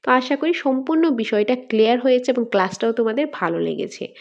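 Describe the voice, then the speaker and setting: Woman teacher spelling out syllables slowly. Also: on the high side, lively intonation, vocal fry. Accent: Bengali (Tripura). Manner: asks questions and answers them herself; stretches words slowly to show syllables. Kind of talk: exam-prep lesson. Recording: dull lo-fi sound.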